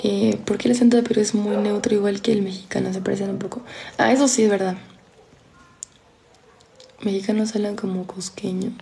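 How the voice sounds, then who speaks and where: Gravelly young Peruvian woman streamer. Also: mid-range voice, fairly even intonation, fast, a little hiss or hum. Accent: Peruvian Spanish. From Peru. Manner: chatty, reads questions aloud and drops into quiet asides. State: tired. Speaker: live streamer. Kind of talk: casual chat answering viewer questions.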